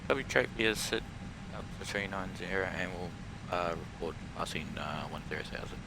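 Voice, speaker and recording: A man with a deep, low voice works through pilot cockpit callouts and radio calls over a headset mic. His delivery is terse and clipped, one short call after another. A steady hum of background noise sits under the recording. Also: fairly quick. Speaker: virtual airline pilot in a flight simulator.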